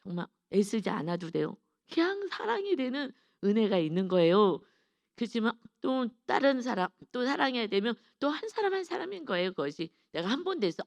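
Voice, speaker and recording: A woman's voice: fairly high pitch, sing-song, a little fast, gravelly, no echo, lo-fi sound. A middle-aged woman pastor giving an earnest, confessional dawn sermon with emphatic stresses.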